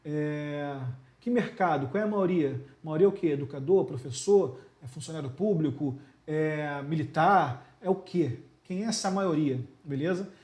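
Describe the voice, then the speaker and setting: Brazilian male teacher, somewhat high-pitched, emphatic and casual, asks the listener rhetorical questions. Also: moderate pace, a little mellow. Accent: Brazilian Portuguese. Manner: gestures constantly while talking. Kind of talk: casual video lecture.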